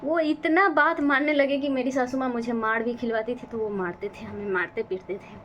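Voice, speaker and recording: A woman's voice: a little high, steady tone, moderate pace, fairly bright tone, lo-fi sound, slight background noise. A young woman talking in a casual vlog, venting with bitter, defiant frustration about her family. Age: young adult. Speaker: vlogger. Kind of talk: casual personal vlog talk.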